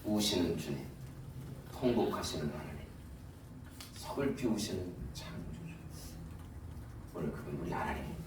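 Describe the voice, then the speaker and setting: A man's voice: low voice, expressive, normal speed, long pauses, noisy background. A male pastor preaching a sermon in a church, emotive and full of rhetorical questions. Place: church sanctuary. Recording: echoey church hall, distant mic, music.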